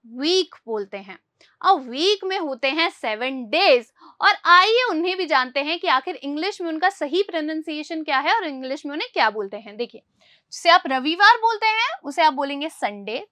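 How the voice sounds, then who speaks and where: A woman's voice: high voice, animated, normal speed, bright, forceful tone, no room sound, studio quality. A woman teaching English pronunciation, quizzing her listeners and repeating each word back. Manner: repeats words with quizzing questions. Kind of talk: spoken English lesson in Hindi.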